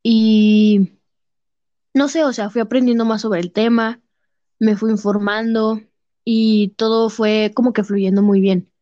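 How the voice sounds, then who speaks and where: A young woman with a Mexican Spanish accent shares a personal story in a relaxed interview. Her speech is halting and filled with small fillers, in a fairly high voice. The recording is a bit muffled and lo-fi. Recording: slightly muffled lo-fi sound.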